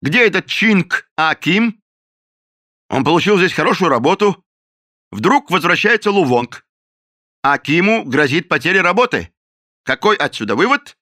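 A man voicing a loud, blustering, dim-witted police captain who barks and bullies. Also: medium pitch, big pitch swings, brisk, no room sound, studio quality, pitched above the performer's own voice. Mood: gruff. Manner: barking, bullying, shouting.

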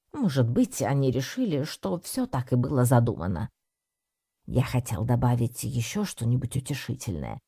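A woman's voice: very deep voice, mellow, husky. A woman reading a first-person story aloud with a wry, storytelling manner. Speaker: audiobook narrator. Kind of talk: scripted first-person narration.

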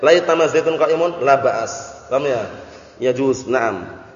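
A man's voice: medium pitch, animated, measured pace. A male religious teacher giving a grammar lesson, repeating terms, translating them and often asking whether everyone understood. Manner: keeps checking if listeners understood. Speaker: Islamic teacher. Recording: echoey hall, dull lo-fi audio.

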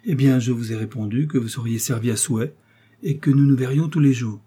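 A cold, sardonic English nobleman, read by a man in a mellow, husky voice. He needles and threatens with unhurried, icy courtesy. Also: mid-range voice, lightly acted. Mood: mocking. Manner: sardonic, coolly menacing. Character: cold, mocking English lord, middle-aged.

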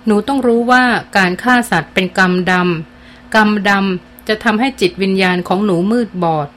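A woman voicing a teenage girl who speaks softly and evenly, gently soothing her pet dog in a storybook reading. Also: mid-range voice, moderate pace, close to an everyday voice. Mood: tender. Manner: soft, calm and even, tender.

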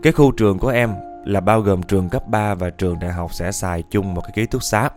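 A man's voice: deep voice, quick pace, darkish tone, soft background music. A man reading a listener's ghost story aloud in a chatty style, often turning to address his audience.

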